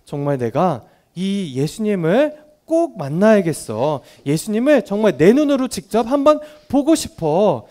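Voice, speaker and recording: An eager, amazed short tax collector, as a man puts him on while telling a Bible story to young children. The voice sits high and swings widely in pitch as he wonders aloud. It is earnest and full of delight. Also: very animated, unhurried, hardly any pauses, dark tone. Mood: wondering.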